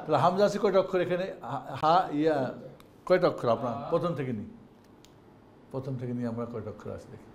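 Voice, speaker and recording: A man's voice: fairly high pitch, lively intonation, quick pace, pauses often, a crowd in the background. A male Quran teacher giving an online class, chanting the names of Arabic letters in a singsong drill and then explaining the homework.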